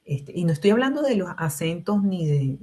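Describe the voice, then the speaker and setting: This Venezuelan woman, a recruitment trainer, presents a live job-interview webinar heard through a video call microphone. Her lowish, warm voice swings widely in pitch at normal speed as she lays things out step by step, often pausing for an "¿ok?"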